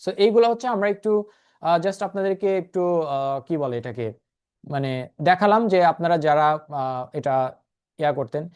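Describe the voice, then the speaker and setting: A man's voice: on the high side, unhurried, a little mellow, smooth. A man teaching an online class over a video call, patiently repeating and spelling things out for his students. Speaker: spoken English instructor.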